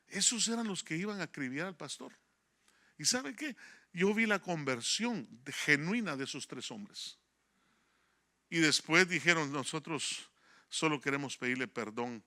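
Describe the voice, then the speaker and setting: Male pastor, bright, gravelly, lively storytelling sermon. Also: a little high. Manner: storytelling, animated, acts out dialogue, addresses listeners as hermano. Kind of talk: sermon with personal testimony.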